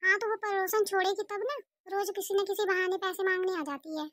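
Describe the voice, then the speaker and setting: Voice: extremely high pitch, steady tone, fairly quick, bright, forceful tone, dry recording, studio quality. A performer voicing an exasperated adult housewife in a cartoon, grumbling and complaining about money she has lent. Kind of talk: cartoon voice acting.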